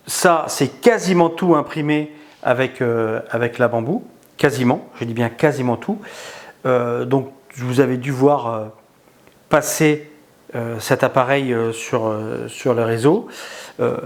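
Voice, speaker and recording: Hesitant man reviewing a 3D printer. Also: mid-range voice. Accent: non-native in English words. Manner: hesitant, many pauses and filler sounds. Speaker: product reviewer. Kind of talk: casual product review.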